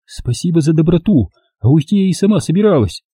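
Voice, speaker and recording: A man's voice: fairly high pitch, animated, fast talker, mellow, breathy edge, dry recording, studio quality. A man reading an audiobook, voicing a desperate, tearful young housemaid who pleads bitterly.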